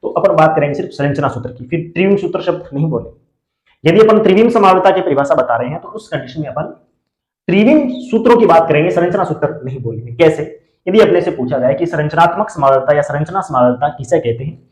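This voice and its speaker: A man teaching a chemistry class, who asks questions and answers them himself and repeats key terms slowly so students can write them down. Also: a little high, expressive, a little mellow, reverberant, poor audio. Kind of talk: classroom lecture.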